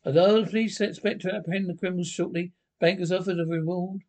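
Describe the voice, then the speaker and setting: A man's voice: high voice, steady tone, fast talker, a little mellow. A formal cartoon radio announcer reading bulletins. His delivery is clipped and official, heard through a radio set. He sounds urgent and businesslike. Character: crisp male radio news announcer. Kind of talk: cartoon voice acting.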